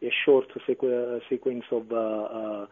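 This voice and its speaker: A man's voice: mid-range voice, little pitch movement, normal speed. A man, a clarinetist and composer, answering radio interview questions with many fillers and restarts. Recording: phone-line radio audio.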